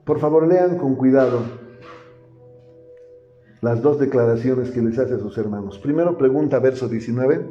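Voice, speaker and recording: Man, pastor preaching, warm mellow voice, roomy church sound, soft music behind. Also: medium pitch, dull audio. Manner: asks the congregation questions and acts out quoted speech. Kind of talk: sermon. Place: church hall.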